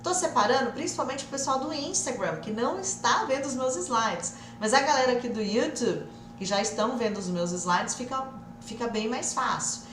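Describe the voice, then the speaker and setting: Brazilian woman teaching, high voice, echoey room. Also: normal speed. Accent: Brazilian Portuguese. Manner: lively, direct, stretches words for emphasis. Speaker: English teacher. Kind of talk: online English lesson. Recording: echoey room with faint noise.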